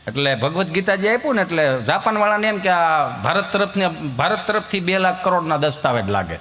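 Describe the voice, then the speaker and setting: A man telling comic stories on stage, animated, jumping into quick character voices. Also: high voice. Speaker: stage comedian and storyteller. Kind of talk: live folk comedy storytelling.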